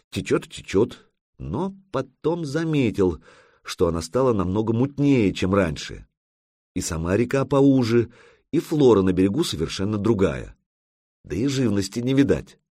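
Low, husky male audiobook narrator. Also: moderate pace, no echo, studio quality. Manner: expressive storytelling with lively intonation.

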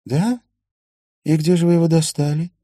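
A man's voice: a little high, fairly even intonation, moderate pace, warm tone, no echo, clean studio sound, voice pushed up, lightly acted. A man reading an audiobook, voicing a young woman who speaks politely with a touch of irony. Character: young woman Dagny, polite and lightly wry.

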